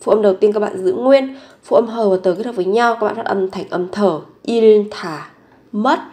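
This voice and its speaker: A woman teaching a vocabulary lesson, repeating each word three times and then explaining pronunciation slowly and carefully. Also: medium pitch, darkish tone. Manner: slow, careful pronunciation drills. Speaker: Korean language teacher.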